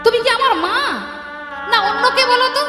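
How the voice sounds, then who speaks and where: Woman voicing an impatient grown son in a storytold kirtan, high, rapid scolding, echoey hall with music behind. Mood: angry. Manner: quick, scolding, exasperated. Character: impatient grown son, irritable, sleep-deprived.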